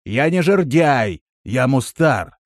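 A shrill, boastful chatterbox. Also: male voice, measured pace, dry recording, clean studio sound. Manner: loud, excited, boastful. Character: boastful cheerful talkative man, leader's sidekick.

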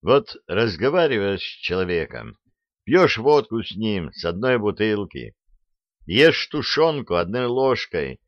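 A man reading a first-person audiobook as narrator, telling it in a lively, expressive way. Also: on the low side, no room sound, highs cut off.

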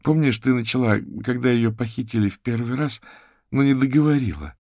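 Male reader as a composed woman therapist in an audiobook, measured, dry sound. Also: medium pitch, animated, a little mellow, dry recording, pitched above the performer's own voice, lightly acted. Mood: evasive. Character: composed adult woman therapist, calm and evasive.

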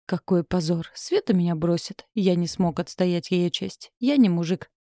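A woman's voice: fairly low pitch, normal speed, warm tone, dry recording, clean studio sound, lightly acted. A woman voicing an anxious, complaining young office worker in an audiobook. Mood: sulky. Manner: panicky, complaining. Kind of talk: audiobook reading.

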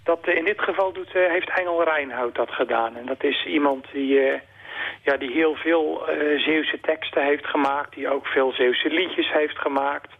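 A man's voice: fairly high pitch, fairly even intonation, moderate pace. A man, a bookseller talking hesitantly with many fillers and restarts in a radio interview over the phone. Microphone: telephone. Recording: tinny phone line.

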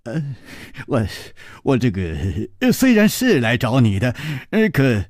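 A man's voice: mid-range voice, huge pitch swings, a little slow, a little mellow, no echo, studio quality. A man voicing a nervous young swordsman who stammers and hesitates. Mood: flustered.

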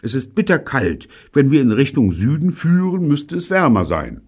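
A man's voice: medium pitch, very animated, normal speed, a little mellow, slightly rough, pitched above the performer's own voice. A man voicing a cold, complaining young girl in an audiobook, speaking plaintively.

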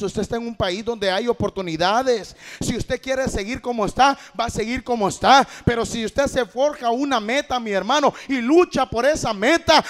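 A man pastor preaching a sermon, moving from quiet talk to shouted fervor and often calling the listener "mi hermano". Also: extremely high pitch. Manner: peppers lines with "mi hermano". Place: church hall. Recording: long hall reverb.

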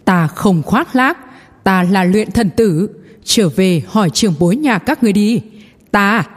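A woman narrator acts out an old puppet in a fantasy audiobook, full of pride and easily worked up. The figure declaims grandly about its own mastery. The voice is slightly husky and rings with long reverb. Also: medium pitch, measured pace. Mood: indignant, insistent. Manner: excitable, proud, declamatory. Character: boastful, indignant old puppet, self-proclaimed master artificer.

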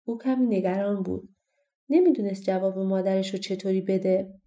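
A woman narrating a fairy-tale audiobook in a calm, expressive storybook reading. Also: medium pitch.

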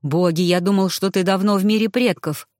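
A woman voicing the excited ghost of an old great-grandfather, eager like a child. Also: mid-range voice, fairly quick, no room sound, studio quality, natural voice.

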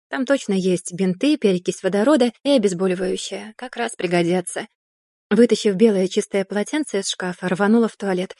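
A woman narrating a first-person novel in an expressive, wry way, close to a studio mic. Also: medium pitch, no echo. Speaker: audiobook narrator.

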